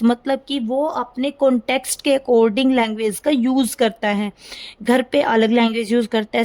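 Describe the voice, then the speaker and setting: A woman's voice: on the high side, darkish tone, no echo. A woman teacher, explaining a lesson for an exam and asking her own questions, then answering them as she repeats the key terms. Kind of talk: exam-prep lecture, Hindi mixed with English.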